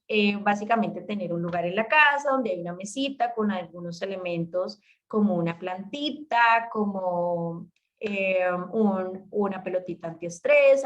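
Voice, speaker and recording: A woman, a parenting educator giving a talk to parents in an emphatic, animated way, speaking directly to her listeners. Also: mid-range voice, muffled recording.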